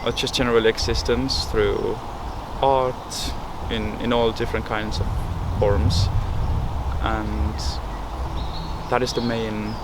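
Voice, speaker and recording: A man's voice: fairly low pitch, flat delivery, slow. A young man from Estonia giving thoughtful, rambling answers in an interview, full of fillers and restarts. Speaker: research interviewee. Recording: loud background noise, urban outdoor hum.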